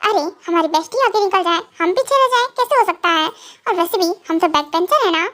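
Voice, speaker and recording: A woman's voice: very high-pitched, animated, a little fast, pushed and bright, full character voice. A woman voicing chatty, gossiping schoolgirl friends in a fan audio drama.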